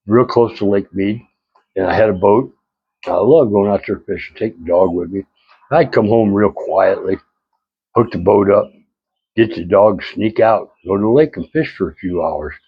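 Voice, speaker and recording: A man's voice: lowish voice, husky, highs cut off. An older retired man vlogging in a casual, rambling way, telling folksy stories with chuckles and repeated phrases.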